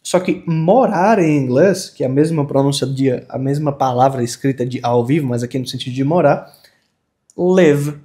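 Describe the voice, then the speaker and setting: A young Brazilian man teaching English pronunciation in a casual, energetic video lesson, drilling words over and over. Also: mid-range voice, a little fast, hardly any pauses. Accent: Brazilian Portuguese.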